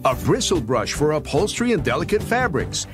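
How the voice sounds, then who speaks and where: A man giving an emphatic, urgent sales pitch as a home shopping host and infomercial announcer. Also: sing-song, fairly quick. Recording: music bed under voice. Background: music.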